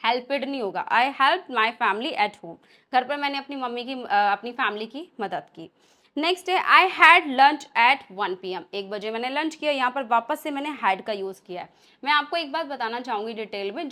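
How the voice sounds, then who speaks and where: A woman with an Indian accent teaching a spoken English lesson, explaining step by step and slowing down to read example sentences. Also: high voice, bright, forceful tone.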